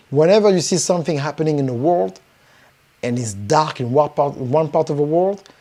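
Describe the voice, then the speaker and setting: Warm-toned and speaking with a French accent from his native language, a business coach pitches his event live to viewers. His motivational talk is emphatic and repetitive, punctuated by frequent rising bursts.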